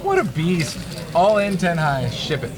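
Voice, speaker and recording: A man's voice: a little high, huge pitch swings, unhurried, a loud crowd. A man giving casual, slangy, teasing banter as a poker stream co-commentator. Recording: loud background ambient noise.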